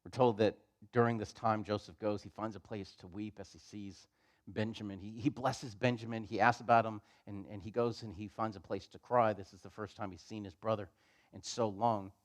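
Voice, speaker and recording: A man's voice: on the low side, fairly even intonation, moderate pace. A man preaching a midweek sermon in a church, retelling scripture in casual modern words. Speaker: pastor. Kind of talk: expository sermon.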